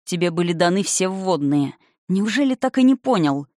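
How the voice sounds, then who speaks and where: A reader voicing the spirit of an older father, calm and condescending, who lectures with mocking haughtiness in an audiobook. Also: high-pitched, a little fast, dry recording, studio quality, natural voice. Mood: haughty. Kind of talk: audiobook character reading.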